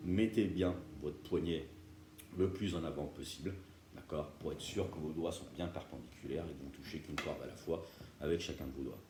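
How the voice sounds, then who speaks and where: A man teaching beginners guitar step by step, patient and often checking that viewers follow. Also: very deep voice. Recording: roomy room with loud guitar playing.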